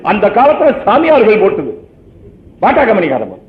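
A man's voice: sits high, huge pitch swings, fairly quick. A man giving an Islamic sermon, telling everyday stories in a chatty way and asking his listeners questions. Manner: conversational storytelling with rhetorical questions. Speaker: Islamic preacher. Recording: echoey, phone-like lo-fi sermon recording.

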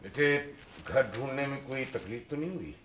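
An actor playing a grave, measured older family patriarch in a TV serial drama. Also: male voice, mid-range voice, animated, a little hiss or hum, natural voice. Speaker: family elder, father. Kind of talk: TV serial acting.

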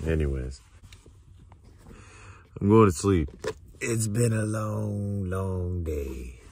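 Recorded by a phone or camera held at arm's length, a thirtysomething man vlogs about his travels from inside an SUV and out by a coastal beach. His deep, slightly rough voice takes it slowly, and his talk to camera is chatty, relaxed and packed with fillers.

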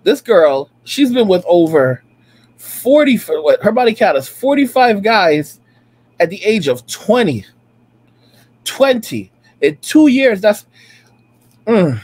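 A man's voice: sits high, sing-song, slow, pauses often, darkish tone, husky. A man in his late thirties giving a preachy, repetitive rant as a reaction streamer, reacting to clips from home. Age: late 30s. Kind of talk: ranting commentary over clips.

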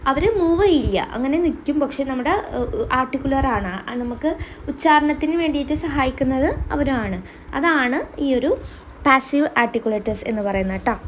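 A young woman tutor with a Kerala accent and a high voice. She reads definitions slowly, one word at a time, then explains them quickly and keeps checking in with the listener through questions. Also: slight background noise. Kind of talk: exam-prep lecture.

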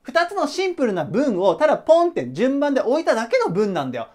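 Lively, chatty male teacher. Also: extremely high pitch, fast. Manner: chatty, explains with rhetorical questions. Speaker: English teacher. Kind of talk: casual whiteboard lesson.

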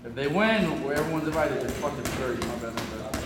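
A young man casually hosting a livestream from a large boxing gym, loud, profane and joking, filmed on a handheld phone. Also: medium pitch, fast talker. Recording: echoey gym with loud background noise.

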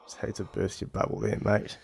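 Gravelly young man asking questions. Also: on the low side, completely flat delivery, a little fast. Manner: curious questioner with dry jokes. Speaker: podcast host. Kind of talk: casual podcast interview. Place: small home podcast studio. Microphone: studio boom mic with headphones.

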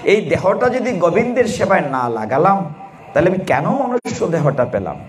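A man's voice: high-pitched, sing-song, moderate pace. A man preaching a devotional sermon on the Gita, telling stories and putting questions to his listeners. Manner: storytelling, asks the audience questions. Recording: echoey hall.

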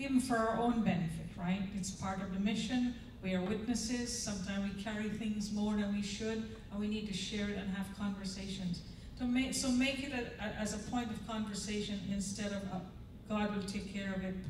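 An older woman leads a chapel devotional and prayer, earnest and conversational, often asking the audience to agree. Her voice sits at a middle pitch and rings through a large, very echoey hall. It sounds picked up from some distance, with faint room hum behind her. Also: a little mellow. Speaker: chapel speaker. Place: large church auditorium stage. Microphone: handheld microphone. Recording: echoey hall, mic heard from afar.

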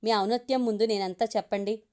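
A woman narrating and voicing a tactful, witty wife in an audio story, soft and persuasive in her speech. Her pitch stays in the everyday middle range. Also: fairly even intonation, quick pace, clear, resonant tone, close to an everyday voice. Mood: gentle.

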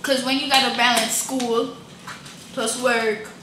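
A woman's voice: on the high side, level tone, measured pace, recorded from a distance. A young woman co-hosting a food vlog in a casual, slangy, laid-back way. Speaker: vlog co-host. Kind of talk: casual chat. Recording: echoey room, off-mic, background noise.

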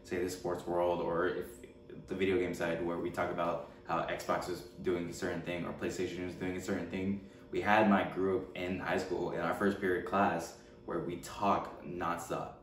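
A man's voice: low voice, little pitch movement, moderate pace. A man in his twenties from California, answering interview questions at home in a hesitant way, with many fillers and restarts. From Richmond, California. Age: 20s. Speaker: documentary interviewee. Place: room at home, seated. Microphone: far camera mic. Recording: roomy echo, distant mic, faint hum.

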